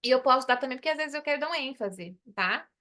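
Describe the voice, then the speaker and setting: Female English teacher, fairly high voice, patient explainer who drills phrases aloud. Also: expressive, quick pace, pushed and bright. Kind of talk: online language lesson.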